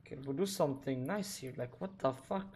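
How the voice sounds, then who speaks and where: A man streaming an online shooter game, excitedly talking to teammates and cursing at his mistakes. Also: mid-range voice, moderate pace, a little hiss or hum. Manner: excitable, swearing, shouting at teammates. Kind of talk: live gaming commentary.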